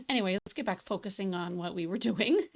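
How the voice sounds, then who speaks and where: A woman streaming a building game, chatting and thinking aloud as she works, a little hoarse from losing her voice. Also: mid-range voice. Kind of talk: casual gaming livestream commentary.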